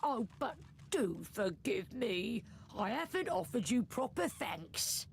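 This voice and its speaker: A woman's voice: sits high, unhurried, vocal fry, husky, exaggerated voice. A woman playing a suave, mocking female thief in a fantasy video game, sassy and insincerely sweet.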